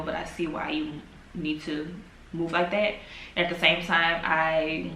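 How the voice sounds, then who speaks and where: Woman, 20s, casual vlogger. Low-ish bright voice, unhurried and musing, roomy echo with faint background hum. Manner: slow, musing, trails off with fillers. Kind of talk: casual reflective vlog talk. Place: home, in the evening. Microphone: camera. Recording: echoey room with faint ambience.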